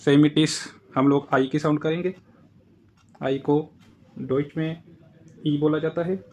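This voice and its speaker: A German language teacher with an Indian accent gives a casual spoken lesson in a slightly high, darkish voice, slow and fairly even in intonation. He explains patiently and repeats each example word more than once, with a faint hum running underneath.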